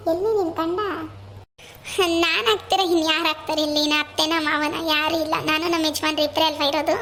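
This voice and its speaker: A woman's voice: very high-pitched, a bit bright, a little hiss or hum. A woman voicing both a young wife and a meddling aunt in a comedy cartoon, chatty and gossipy by turns.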